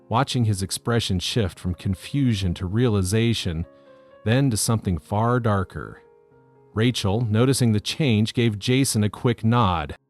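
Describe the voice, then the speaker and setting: A man calmly reading out a first-person story as scripted narration. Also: lowish voice.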